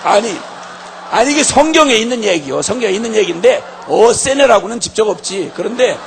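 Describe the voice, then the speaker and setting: Male pastor with a high, gravelly voice that swoops widely, preaching with lively stories and jokes. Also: brisk, a little hiss or hum. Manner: lively storytelling with comic asides. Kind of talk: sermon.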